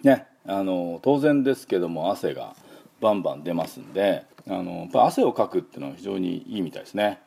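Deep gravelly man teaching pronunciation. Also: very animated, a little fast, mellow. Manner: chatty, many fillers, demonstrates sounds repeatedly. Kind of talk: casual spoken lesson.

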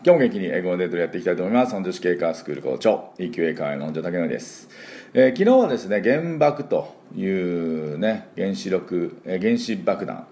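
A man hosts a daily spoken English lesson, chatting casually with plenty of fillers and stopping to say words aloud for listeners to copy. His voice sits low, yet his pitch rises and falls a great deal. The tone is soft and mellow rather than bright. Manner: chatty, filler-heavy, models pronunciation aloud. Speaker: English teacher and school principal.

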